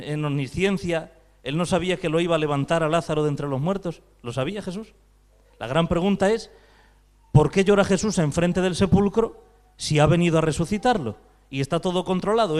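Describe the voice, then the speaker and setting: A man from Spain preaching a sermon as pastor, with rhetorical questions and rising intensity. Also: sits high. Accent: Spain Spanish.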